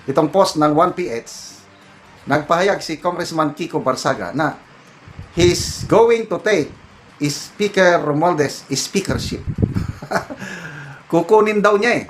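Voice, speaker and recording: A man's voice: fairly high pitch, measured pace, over music, poor audio. A man with a Filipino accent giving casual, opinionated political commentary and mixing English phrases into his talk.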